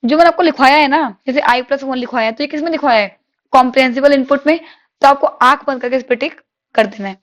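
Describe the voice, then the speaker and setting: High-voiced woman teaching a lesson. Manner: reads English questions slowly, explains in Hindi with rhetorical questions. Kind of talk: exam-prep lecture.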